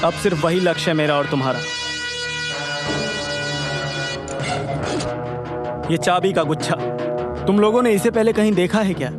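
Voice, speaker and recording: A man dubbing a sharp-tongued, fearless police officer who talks in a sarcastic, taunting and commanding way, in a Hindi film dub. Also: high-pitched, fast, loud music behind the voice, close to an everyday voice. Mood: thoughtful. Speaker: police investigator.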